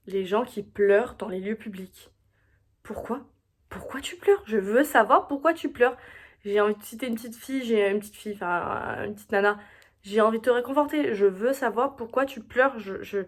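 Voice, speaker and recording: A woman's voice: mid-range voice, darkish tone. A young woman hosting a solo podcast, chatting casually and confidingly, often coming back to the same phrase. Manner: chatty, confiding, repeats herself. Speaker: podcast host.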